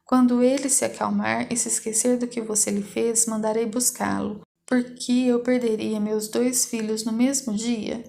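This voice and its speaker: A woman reads scripture aloud at an even, steady pace. Her voice sits a little high but stays flat, with a gravelly edge and a mellow, dark tone. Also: normal speed, hardly any pauses, slight background noise. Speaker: Bible reader. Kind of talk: scripted Bible reading.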